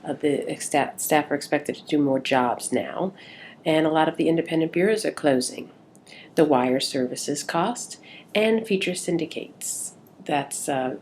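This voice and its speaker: Woman lecturer, deep voice, casual with fillers, faint noise in the recording. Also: a little mellow. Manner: informal, with filler "uh"s. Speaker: instructor.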